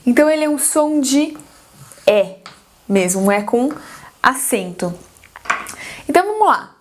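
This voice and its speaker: Slow, high-voiced woman teaching pronunciation. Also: sing-song, noisy background. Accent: Brazilian Portuguese. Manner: repeats model words slowly, drops pitch on each drill word. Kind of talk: slow, patient pronunciation lesson.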